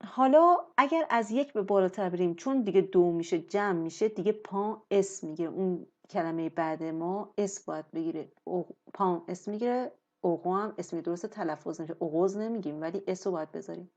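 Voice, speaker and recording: A woman teaching French in a lesson, explaining patiently and slowing down on example words. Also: fairly low pitch, a little mellow, highs cut off. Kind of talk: language lesson.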